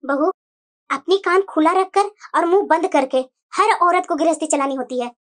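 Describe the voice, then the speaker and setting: A voice actor playing a stern older mother-in-law in a cartoon, lecturing slowly and firmly. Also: very high-pitched, a bit bright, pitched below the performer's own voice. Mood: stern advising. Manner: slow, measured, lecturing. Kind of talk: cartoon voice acting.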